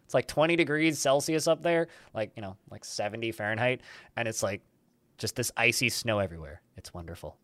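Fairly quick and a bit bright, this mid-range male voice belongs to a laid-back podcast host who spins long, meandering stories full of fillers in casual chat. The recording sounds dry.

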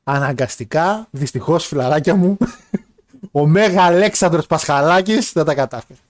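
Casting: young male podcast co-host, slightly higher voice, loose, rambling, laughs easily. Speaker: podcast co-host reading listener messages. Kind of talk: casual banter about wrestling and football.

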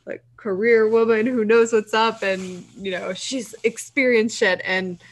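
A woman's voice: fairly high pitch, steady tone, a little slow. A woman in her late twenties, a podcast co-host chatting in a reflective, casual way with many filler words. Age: late 20s.

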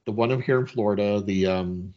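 A man guesting on a casual podcast, with a fairly low voice and a relaxed, easygoing delivery. He laughs easily and often lets his sentences trail off. The sound is dull and lo-fi. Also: a little fast. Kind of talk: casual chat.

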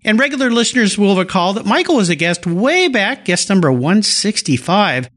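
A man from California hosts a casual car-enthusiast interview, eager and playful with his puns. His voice is on the higher side for a man and leaps around with lively pitch. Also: moderate pace. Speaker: podcast host.

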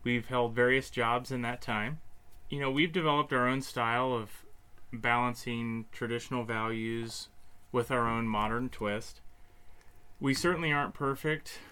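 A man's voice: medium pitch, steady tone, a little slow, clear, resonant tone. Man co-hosting a couples podcast. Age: 30s. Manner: reads the opening like a loud announcement. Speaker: podcast co-host. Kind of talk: podcast intro and casual chat.

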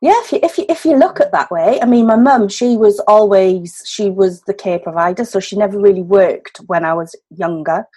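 A woman's voice: mid-range voice, moderate pace, few pauses, mellow, slightly rough. A woman in her thirties with a Welsh Valleys accent, telling her story conversationally as an interview guest. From Wales, the valleys. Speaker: podcast guest, business owner.

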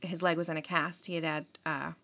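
Chatty woman with a bright edge. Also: low-pitched, level tone, a little fast. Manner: chatty, filler-heavy, frequent "like" and "um". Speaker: podcast host. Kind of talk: casual true-crime storytelling.

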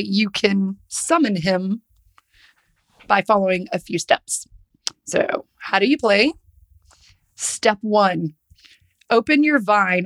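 A woman's voice: mid-range voice, a bit bright. A woman on a podcast, talking casually and cursing as she walks through her notes. Her voice sits in an ordinary middle range, and she keeps things loose and joking. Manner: swears freely, reads notes aloud with a laugh. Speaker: podcast co-host. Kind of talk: casual chat.

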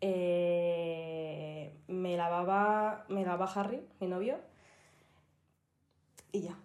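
A woman's voice: fairly low pitch, steady tone, very slow, a little mellow. Young woman guest, chatty and full of fillers, echoey room. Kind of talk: casual podcast chat.

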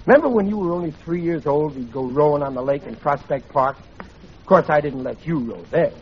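A man's voice: a little high, expressive, a little fast, close to an everyday voice. An actor playing a blustering middle-aged working-class father in a 1940s radio comedy, exclaiming and groaning theatrically. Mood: falsely cheerful. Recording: noisy muffled old radio recording.

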